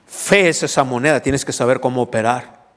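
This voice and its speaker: A pastor with a medium-pitched, fairly bright voice delivers a teaching sermon at a brisk pace in a church hall. He explains scripture and keeps checking in with the congregation by asking them questions. The recording carries the hall's long reverb.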